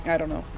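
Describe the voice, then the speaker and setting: This let's-player has a fairly high, warm voice with some vocal fry. She offers casual commentary, thinking out loud for herself and her audience over the game's music and sounds.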